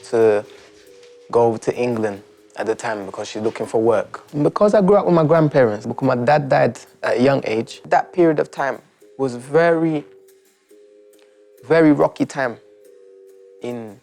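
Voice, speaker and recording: A young man from Turkey, telling his life story in a documentary interview, reflective and halting with many restarts. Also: mid-range voice, creaky, a little mellow.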